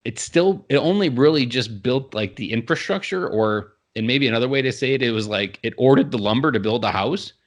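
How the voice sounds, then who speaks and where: A man's voice: medium pitch, a little fast, few pauses. A man in his thirties, a podcast guest, telling his story in an earnest, reflective way. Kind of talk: casual interview conversation.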